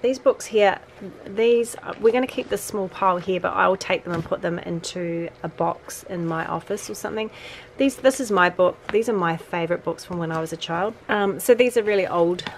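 Decluttering a bedroom indoors, a woman in her forties, a vlogger and mother, narrates casually and breaks off to talk to her sons. She speaks at a moderate pace in a lowish voice, using plenty of fillers, with slight background noise.

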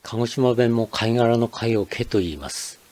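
An older man from Akita, Japan, reading a scripted narration as channel host in a measured, explanatory way. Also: medium pitch, a little mellow.

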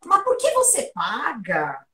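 A woman giving a private English lesson, lively and playful as she runs question drills. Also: fairly high pitch, takes it slowly, recorded from a distance. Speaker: English teacher.

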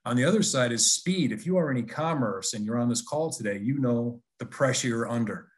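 Male webinar presenter, conversational and persuasive, average pitch. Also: brisk. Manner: conversational, persuasive, with frequent restarts.

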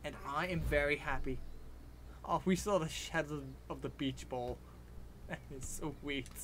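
A man chatting excitedly as he opens loot boxes in a game, with frequent delighted exclamations and chuckles. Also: on the high side, measured pace, background noise. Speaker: gaming video creator. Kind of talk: live commentary on opening game loot boxes. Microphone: desktop computer microphone. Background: loud game music.

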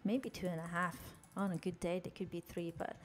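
With a lowish voice, level tone, and slightly fast delivery, a young Norwegian-accented game streamer chats playfully with her viewers and narrates her character. A little hiss or hum is audible; she's from Norway.

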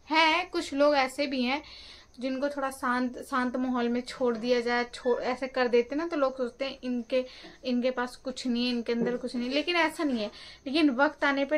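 A woman vlogging at home, talking casually and directly to her viewers as friends, recorded on a phone camera on a tripod. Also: high-pitched. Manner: chatty, talks straight to her viewers as friends. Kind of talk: casual home vlog chat.

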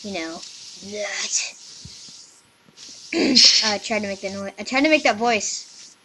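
A woman's voice: mid-range voice, lively intonation, normal speed, bright, forceful tone, a little hiss or hum, rough recording. A woman hosting casual gameplay commentary on a computer mic, rambling and chatty with lots of "like". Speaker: gaming channel host.

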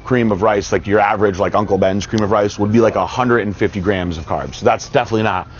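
Man in his thirties, lowish voice, emphatic lecturing coach, dull lapel-mic sound, faint traffic behind. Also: steady tone, fast talker. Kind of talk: casual outdoor interview. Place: outdoor parking lot. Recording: dull audio with faint outdoor noise.

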